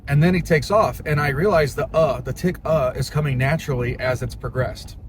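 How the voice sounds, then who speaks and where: A man's voice: a little high, brisk. A young man giving a casual, plain-spoken how-to talk in an informal way, like a hobbyist teaching a skill. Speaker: hobby duck caller giving a tutorial. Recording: noisy, with car and ambient noise.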